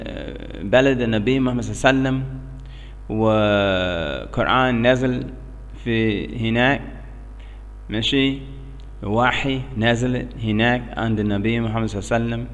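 Male, middle-aged American, English-accented broken Arabic; earnest, emphatic religious speaker, medium pitch, reverberant room. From United States. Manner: halting broken Arabic with English accent, repeats check-in questions. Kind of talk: informal religious talk to camera. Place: small bare indoor room.

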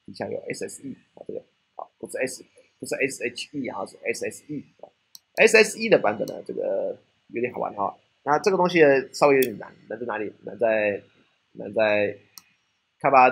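A man's voice: medium pitch, gravelly, slightly rough. A man with a Taiwanese Mandarin accent giving a technical classroom lecture, often asking rhetorical questions and checking in with "right?".

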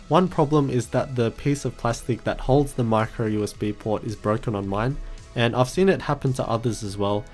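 A man's voice: mid-range voice, a little mellow. A man giving a scripted tech review narration in a matter-of-fact, explanatory way. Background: background music.

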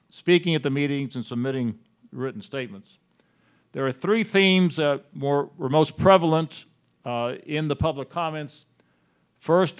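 A man presenting census figures at a city town hall meeting, speaking in a measured way with frequent pauses. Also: mid-range voice. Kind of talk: slide presentation on census data.

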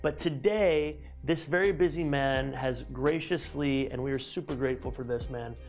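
In a glass-walled office, an energetic host in his thirties opens an interview with enthusiasm, speaking fast at medium pitch. He restarts sentences and piles on fillers, and his lapel mic also catches soft music playing faintly in the background.

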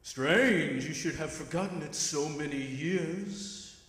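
Man as slow, echoing Ghost of Christmas Past. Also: on the high side, fairly bright tone. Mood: grave, guiding. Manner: stately, declamatory. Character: solemn, commanding Ghost of Christmas Past, male spirit. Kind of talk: live staged radio drama. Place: on a theatre stage. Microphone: stand microphone with pop filter. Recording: echoey hall with long reverb.

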